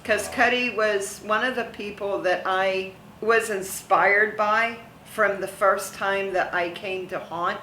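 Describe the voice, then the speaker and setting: A woman's voice: mid-range voice, fairly even intonation, slow pace, hardly any pauses, sharp tone, echoey room, a little hiss or hum, rough recording. A middle-aged woman being interviewed as a guest, reminiscing casually and gushing with praise, laughing often. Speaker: interview guest, theme park haunt performer.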